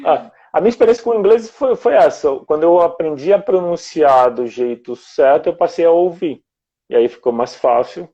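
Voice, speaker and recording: A man from Brazil talks as a guest in an easygoing chat, laying out his points one step at a time. His voice sits a bit high for a man yet sounds mellow and soft-edged. The recording is dull and lo-fi. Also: moderate pace. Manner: reflective, explains step by step. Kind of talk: casual conversation.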